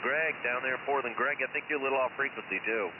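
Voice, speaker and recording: A man's voice: mid-range voice, fast talker. A man making casual conversation as an operator on a CB radio. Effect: CB radio transmission. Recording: tinny radio band, clear hiss.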